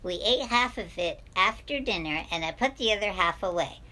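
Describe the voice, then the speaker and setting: A woman voicing an excitable male cartoon duck with a strained, squawky, helium-like voice, reading a text aloud. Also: medium pitch, normal speed, rough recording. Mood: chirpy.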